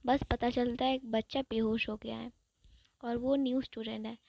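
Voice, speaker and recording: A woman's voice: fairly high pitch, flat delivery, moderate pace, gravelly, darkish tone. A young woman casually retelling a fan-fiction story, chatty and affectionate, with frequent restarts.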